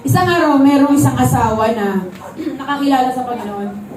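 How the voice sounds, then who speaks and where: High-voiced woman pastor preaching. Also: normal speed, a little hiss or hum. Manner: animated storytelling, switching into English. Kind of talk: sermon. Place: church service. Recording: echoey church hall, mic far off.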